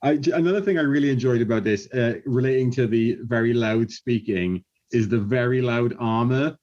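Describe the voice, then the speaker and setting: A man with a middle-pitched voice chats easily on a film podcast, laughing between his points. His audio sounds dull and lo-fi. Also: brisk, darkish tone. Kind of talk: casual chat.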